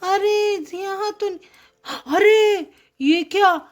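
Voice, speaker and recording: Lady doing a super high whiny schoolgirl voice, slow and teary, music faint behind. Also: exaggerated voice. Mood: tearful. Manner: whiny, tearful. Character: fretful schoolgirl doing homework. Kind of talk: storybook doll-show voice acting.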